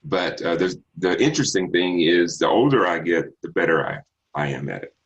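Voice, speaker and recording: A middle-aged Texan man with a bass baritone voice, a singer appearing as an interview guest, answers questions slowly and thoughtfully, with lots of ums and false starts. He sounds expressive, though the audio is dull.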